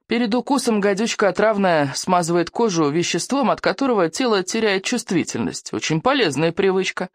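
A man voicing a frail, gloomy old male elder with a creaky, wavering voice who frets over bad omens. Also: sits high, lively intonation, brisk, few pauses, no echo, clean studio sound, voice pushed up.

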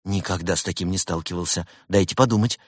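For an audiobook, a man voices a cheerful young male tech-support worker, chirpy and eager with a bright, helpful phone manner. His voice is low-pitched and fast, recorded in a clean studio with no echo.

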